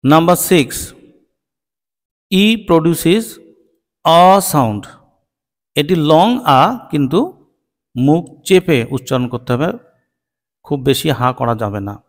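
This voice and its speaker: A man with a Bengali accent, a native Bengali speaker, teaching English phonics to children, drawing out each word slowly as a drill. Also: fairly high pitch, long reverb tail. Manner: slow, drawn-out word-by-word pronunciation drills.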